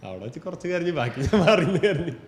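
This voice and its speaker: A man with a Malayali accent recalling memories haltingly in a casual group chat. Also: a little high, big pitch swings. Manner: halting, self-correcting recollection. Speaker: comedy podcast panelist. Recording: echoey room, long reverb, faint noise.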